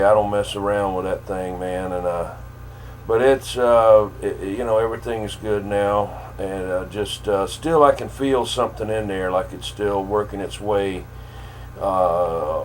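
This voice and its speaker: A man in his fifties or older chatting casually as a radio operator, rambling in a folksy way with radio slang. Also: on the low side. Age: 50s or older. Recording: clear background hum and noise.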